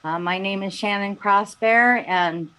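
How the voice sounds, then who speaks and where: A woman from the Lake Superior Ojibwe homelands speaking slowly and reflectively on a video call, pausing often and filling gaps with "um". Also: mid-range voice, a bit bright, rough recording. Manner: unhurried, reflective, many pauses and fillers. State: out of breath. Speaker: panelist. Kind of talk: slow casual online talk.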